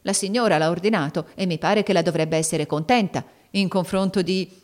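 A woman's voice: on the low side, fairly quick, a little mellow, close to an everyday voice. A woman reading an audiobook, voicing a brash, mocking maidservant of fifty who talks impatiently and brusquely.

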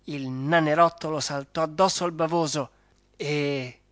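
A narrator reading a children's story aloud in a lively, expressive storytelling manner. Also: medium pitch, measured pace, a little hiss or hum. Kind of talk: audiobook narration. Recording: dry studio voice over soft music.

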